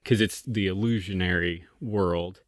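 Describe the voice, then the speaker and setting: Deep-voiced guy musing about a story, dry close mic. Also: steady tone, measured pace, no echo. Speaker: podcast co-host. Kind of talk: casual book discussion.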